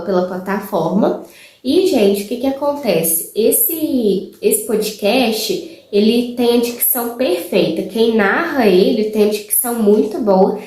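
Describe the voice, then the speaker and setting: A woman teacher giving casual study tips to viewers, chatty and warm with frequent filler words. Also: a little high, echoey room. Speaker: English teacher.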